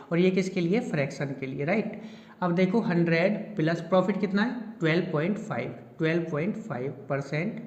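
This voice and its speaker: Hindi-speaking male math teacher, echoey room. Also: high voice. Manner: explains step by step, slowing while writing formulas; corrects himself mid-line. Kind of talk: exam-prep math lecture. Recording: echoey, dull lo-fi room recording.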